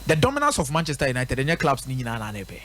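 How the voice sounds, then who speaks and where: A radio sports pundit with a Ghanaian accent analyzes football live, mixing a local language with English and emphatically repeating points for rhetorical effect. His mid-range voice swoops wildly in pitch, races along and sounds a bit bright, with a little hiss or hum.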